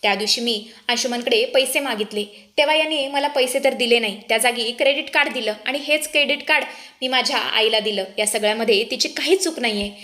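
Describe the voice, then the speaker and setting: A woman's voice: on the high side, a little fast, bright, forceful tone. A woman reading the lines of a young woman who pleads for her mother's release, in a pleading manner.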